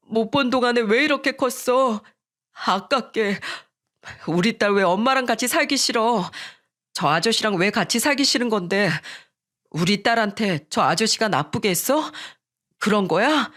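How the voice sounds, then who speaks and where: A woman's voice: a little high, a bit bright. A woman playing a wronged young father who speaks in an indignant, accusing way in a radio story. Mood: tender worried.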